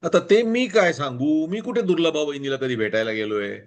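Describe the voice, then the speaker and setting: A man's voice: fairly high pitch, lively intonation, moderate pace, pitched above the performer's own voice. A man doing a wry, teasing sidekick. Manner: wry, mocking. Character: teasing, clever male friend.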